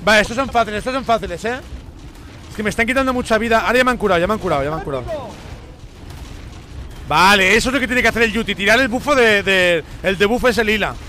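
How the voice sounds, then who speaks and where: A man from Spain streams a game in a very high, fast voice, piling on exclamations and repeating himself. His tone is bright and sharp, with faint music underneath. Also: slight background noise. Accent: Spain Spanish. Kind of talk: excited gameplay commentary.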